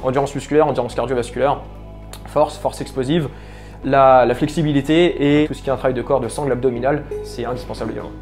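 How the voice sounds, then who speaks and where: A man, a fitness trainer, listing training qualities rapidly in a documentary interview. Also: medium pitch, steady tone, darkish tone, soft background music.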